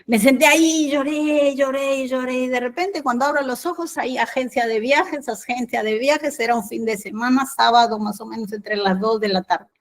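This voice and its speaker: A woman's voice: high-pitched, fairly even intonation, moderate pace, hardly any pauses. An Argentine woman preaching a sermon, telling a personal story and acting out the dialogue with animation. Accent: Argentine Spanish.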